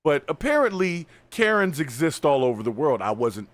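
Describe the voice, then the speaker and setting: A man's voice: on the high side, big pitch swings, moderate pace, dry recording. An American man hosting a casual panel talk, reacting to a clip and laughing often. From United States. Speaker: podcast host.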